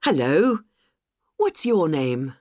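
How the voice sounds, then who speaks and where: A actress as a kindly questioner with a lowish voice and dramatically varied intonation. She speaks slow, stilted textbook dialogue. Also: sing-song, darkish tone, no room sound, studio quality, exaggerated voice. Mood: interested. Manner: careful, exaggerated questioning. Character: kindly adult questioning a schoolchild.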